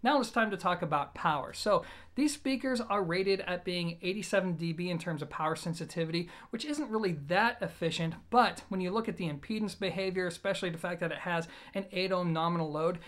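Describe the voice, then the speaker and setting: In a small room with a plain wall, a man who reviews and hosts audio gear content talks to camera about a product. His voice sits high with a fairly bright tone, and he speaks a little fast, informally, emphatically and explanatorily.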